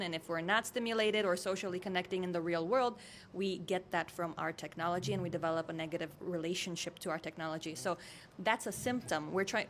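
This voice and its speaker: A woman from Bulgaria who grew up in the American Midwest, giving clear, structured explanations on a panel. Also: on the low side, a little hiss or hum. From Bulgaria, raised in the US Midwest. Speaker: urbanism writer, guest speaker. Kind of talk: panel talk explaining ideas.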